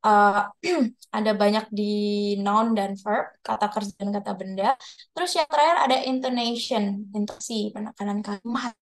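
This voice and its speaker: A young woman teaches English pronunciation over a video call, her voice a little on the high side. She explains in a relaxed, chatty way, then slows down to say each English example carefully. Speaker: tutor. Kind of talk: online English pronunciation lesson. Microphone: headset or computer mic on a video call.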